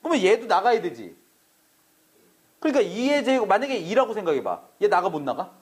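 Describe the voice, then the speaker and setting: Brash male math teacher, lively high voice. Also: fairly quick. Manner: brash, teasing, swears casually at students. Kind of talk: classroom lecture. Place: classroom.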